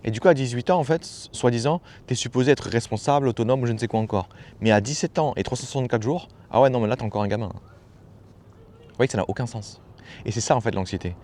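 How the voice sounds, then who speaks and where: A personal development coach gives a casual motivational talk, keeping it familiar and slangy and driving points home by repeating phrases. His voice is medium-pitched and a little mellow, and he talks at a quick pace.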